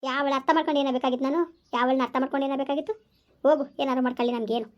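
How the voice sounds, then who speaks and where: A fast, high-pitched voice of a sharp, dismissive village mother-in-law, played by a woman in a homemade family drama. She scolds in quick bursts and cuts others off. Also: steady tone, lo-fi sound, close to an everyday voice. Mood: bitter. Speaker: village skit actor.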